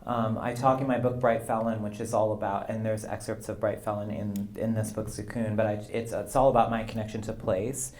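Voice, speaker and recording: Relaxed, rambling man in a roomy hall. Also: lowish voice, fairly quick, few pauses. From Canada and the U.S. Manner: relaxed, rambling, frequent "you know" and light laughs. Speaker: poet, interview guest. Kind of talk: conversational interview. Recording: roomy live event sound.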